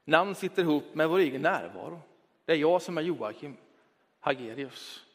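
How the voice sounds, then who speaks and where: Man, pastor, sermon, fairly high voice, long church echo, reflective, quick then slow. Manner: reflective, lively shifts between quick talk and slow emphasis.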